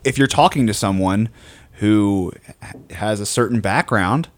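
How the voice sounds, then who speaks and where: A man's voice: fairly low pitch, a little slow. A man talking through his thoughts in a casual chat, with many fillers and repeated words.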